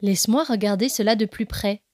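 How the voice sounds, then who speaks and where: Kindly storybook papa squirrel, gentle and reassuring, dry close voice, a woman doing it. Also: mid-range voice, a little fast, no room sound, close to an everyday voice.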